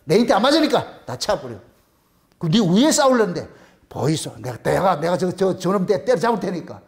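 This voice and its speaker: A man's voice: high voice, very animated, fairly quick, gravelly, voice pushed down, heavily acted. A man acting out a bold young shepherd boy in a sermon retelling, speaking bluntly. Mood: defiant. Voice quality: brash, plainspoken dialect.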